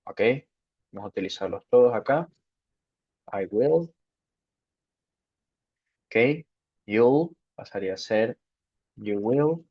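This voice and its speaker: Slow-paced man teaching grammar, lo-fi. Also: lowish voice, expressive, husky. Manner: slow, repeats "ok" to check understanding. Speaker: English teacher. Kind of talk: spoken grammar lesson. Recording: dull lo-fi sound.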